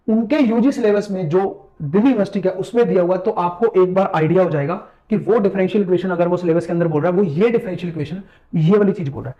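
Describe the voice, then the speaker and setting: A man's voice: high-pitched, lo-fi sound. A man teaching math exam preparation in casual Hindi mixed with English terms, walking through a syllabus and telling viewers to watch closely. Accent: Hindi, mixing English math terms. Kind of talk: screen-share syllabus walkthrough lecture.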